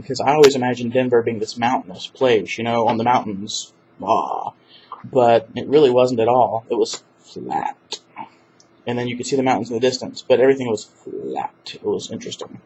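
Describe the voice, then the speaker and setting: A man's voice: mid-range voice, a little mellow. A man, talking casually in a video diary and rambling with many fillers and restarts. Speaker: vlogger. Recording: dull lo-fi webcam audio with faint hiss.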